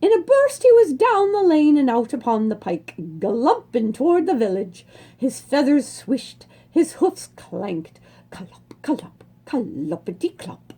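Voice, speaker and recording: Reading a children's story with lots of expression, a woman lingers over words and uses dramatic pauses and emphasis. Her voice sits high and sounds mellow, swinging widely in pitch.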